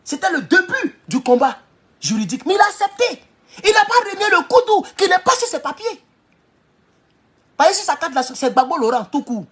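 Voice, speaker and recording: A man giving a heated political monologue, hammering rhetorical questions and sometimes shouting. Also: very high voice, big pitch swings, moderate pace. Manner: emphatic, repeats rhetorical questions, bursts into shouting. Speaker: political commentator.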